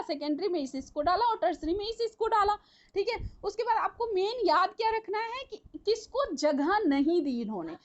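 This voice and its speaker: A woman's voice: very high-pitched, lo-fi sound. A woman teaching a live online class, chatty and repetitive, often checking that her students are following.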